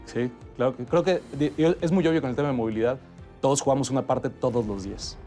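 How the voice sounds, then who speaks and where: A man, a guest in an interview, explaining transport policy in a steady, methodical way. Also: medium pitch, quick pace, faint music behind. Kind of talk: interview answers.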